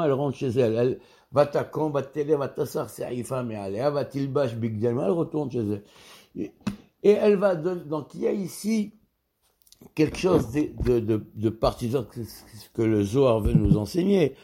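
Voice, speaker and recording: A man with a fairly high but mellow, warm voice teaches a scripture lesson. He speaks in a measured, explanatory way, circling back and repeating key words as he builds each point. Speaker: Torah teacher. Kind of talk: religious text lesson.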